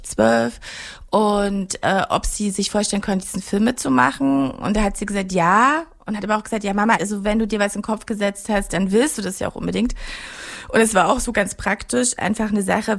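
A woman's voice: medium pitch, gravelly. A German woman in her forties, a filmmaker being interviewed, talking reflectively and searching for her words. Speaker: filmmaker guest. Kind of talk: interview conversation.

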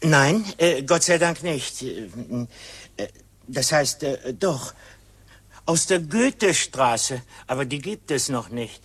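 A man's voice: fairly high pitch, lively intonation, slow, fairly bright tone. An actor playing a nervous, stammering man from modern times who is stranded in the Middle Ages, in an old radio play. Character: flustered modern judicial councillor Müller, stranded in 1500. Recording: roomy, distant old radio recording.

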